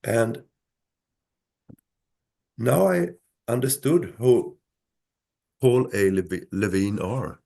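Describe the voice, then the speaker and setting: Slow, gravelly-voiced man losing his voice. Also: medium pitch, big pitch swings, dark tone. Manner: slow, halting, many restarts. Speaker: son telling his mother's story. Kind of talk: live talk with a host.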